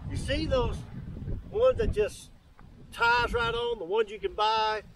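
A middle-aged YouTube host who demonstrates DIY kayak builds speaks outdoors on open grass by the water, giving an enthusiastic, folksy, casual walk-through. His high voice is animated but slow, with noise in the background.

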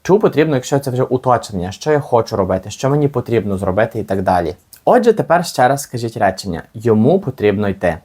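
A man with a Ukrainian accent teaching an English lesson, explaining patiently and saying model phrases slowly for learners to repeat. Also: mid-range voice, big pitch swings, darkish tone, breathy edge. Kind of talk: language lesson with slow repetitions.

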